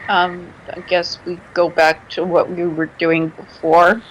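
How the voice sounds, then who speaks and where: A player at a tabletop game, speaking in a wry, deadpan way. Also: mid-range voice, unhurried, muffled recording. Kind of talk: casual chat at a game table. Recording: noisy home recording.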